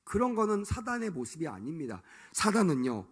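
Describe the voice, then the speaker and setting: A man's voice: a little high, very animated, moderate pace, fairly bright tone, breathy edge. A male pastor preaching a sermon to young adults, emphatic, acting out quoted voices and calling for amens.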